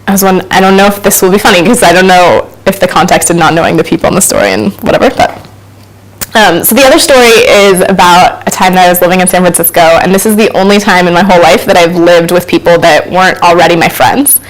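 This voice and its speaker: A woman's voice: fairly low pitch, fast, low-quality recording. Chatty young woman telling a story. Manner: chatty, frequent ums, laughing asides. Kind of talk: casual personal anecdote.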